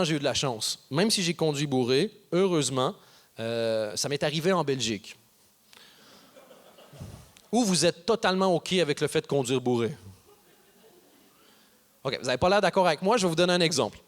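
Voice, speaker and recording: A man performs stand-up comedy. His voice sits fairly high, and he jumps between voices to act out each person in his story. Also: moderate pace, pauses often. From Canada. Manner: animated, acts out characters with voices. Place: theater stage before an audience.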